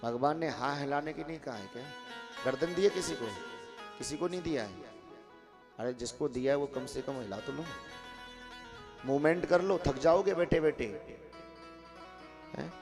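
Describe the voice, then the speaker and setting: A man's voice: on the high side, moderate pace, long pauses, music in the background. Hindi preacher man telling a katha. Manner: animated, questions the audience often, calls out to listeners. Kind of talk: devotional katha sermon. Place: ashram hall with a seated audience.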